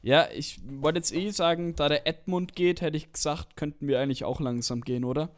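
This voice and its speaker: Chatty slightly high-voiced man. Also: brisk. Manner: rambling, chatty, with slang and swearing. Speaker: podcast co-host. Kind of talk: casual chat.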